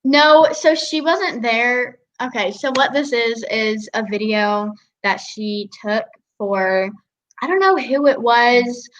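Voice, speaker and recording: A woman's voice: on the high side, slow pace, a bit bright, poor audio. A teenage girl chatting as an interview guest about her voice-acting work, giggly and full of "like" fillers. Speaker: guest, young voice actress. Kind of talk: casual interview chat.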